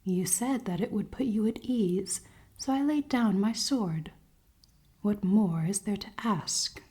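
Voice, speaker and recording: A woman plays a cold, dominant elven queen in a fantasy ASMR roleplay: haughty but secretly caring, formal and teasing, soft and often whispering. Her mid-range voice is husky and slow, and her mood comes across as puzzled and dry.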